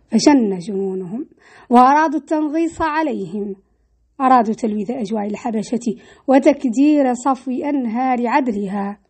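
High-pitched woman storyteller, dramatic expressive reading of old history.

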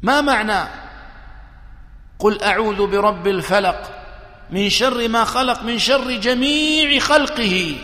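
A man preaching a religious sermon, slow and emphatic, counting his points one by one. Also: sits high, sharp tone. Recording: echoey hall with long reverb.

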